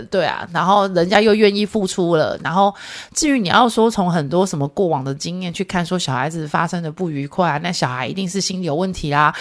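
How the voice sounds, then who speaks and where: A woman in her thirties with a Taiwanese Mandarin accent, telling a story as a podcast host in a chatty, candid way. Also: sits low. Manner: chatty and candid, mixes in English and Taiwanese Hokkien words. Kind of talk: casual storytelling monologue.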